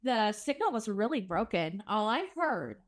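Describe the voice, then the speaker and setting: A young woman, a guest on a podcast, telling a lively story and acting out quotes. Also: moderate pace. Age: young adult. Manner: animated, acts out quotes with big pitch jumps. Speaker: guest, foster parent.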